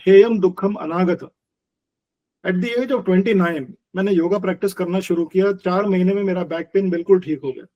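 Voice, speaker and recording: एक साठ वर्षीय पुरुष योग शिक्षक, जो एक बातचीत में गंभीरता से समझाते हुए हिंदी और भारतीय अंग्रेज़ी मिलाकर बोलते हैं।. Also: male voice, sits high, dark tone. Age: 60s. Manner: earnest, explanatory, mixes Hindi and English, uses everyday analogies. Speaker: yoga teacher. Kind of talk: conversational interview.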